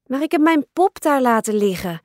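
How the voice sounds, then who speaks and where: A woman's voice: high-pitched, very animated, moderate pace, no room sound, studio quality, voice pushed up. A woman voicing a pushy, whiny little girl who pesters her older sister. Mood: pleading. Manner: whiny, pleading.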